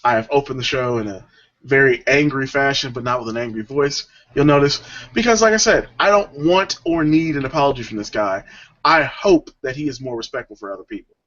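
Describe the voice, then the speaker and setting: A man's voice: mid-range voice, fairly quick, fairly bright tone. A man hosting a podcast, telling stories in a laid-back, rambling way with lots of fillers. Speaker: podcast host. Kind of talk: casual podcast chat. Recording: dull lo-fi audio.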